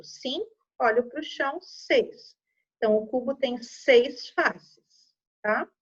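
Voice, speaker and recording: A woman's voice: on the high side, breathy edge, muffled recording. A woman teacher with a Brazilian Portuguese accent giving a patient, step-by-step math lesson to children, checking in after each point.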